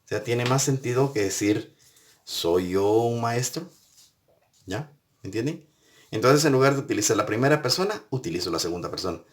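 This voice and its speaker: A man's voice: mid-range voice, expressive, fast. A man teaching an English grammar lesson, patiently repeating and spelling out each step. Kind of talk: recorded classroom lesson.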